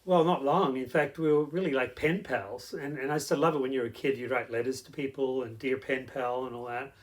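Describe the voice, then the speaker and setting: A man's voice: mid-range voice, fairly even intonation, a little fast. A middle-aged man with an Australian accent, an interview guest telling his story in a rambling way with many fillers. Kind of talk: casual conversational storytelling.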